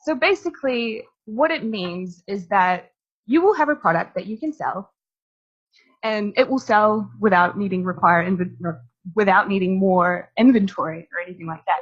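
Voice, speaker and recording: A young woman from New Zealand talks casually through a workshop presentation, filling her sentences with loose asides. Her voice is slightly husky and sits at an ordinary pitch. The recording is muffled and lo-fi. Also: normal speed. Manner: casual, chatty, filler-heavy. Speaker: workshop speaker. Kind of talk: live presentation to an audience.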